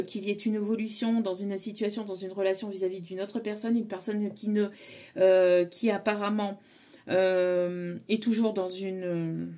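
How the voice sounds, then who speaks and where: A woman's voice: mid-range voice, dark tone. A woman with a French accent giving a casual tarot guidance talk, hesitant and full of fillers. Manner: hesitant, many fillers and restarts. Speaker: tarot reader.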